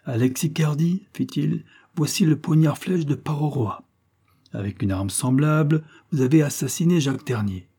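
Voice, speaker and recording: A man playing a calm, determined police inspector in a read-aloud detective story. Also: on the high side, normal speed, slightly rough, voice pushed up. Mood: accusing. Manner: firm, reassuring.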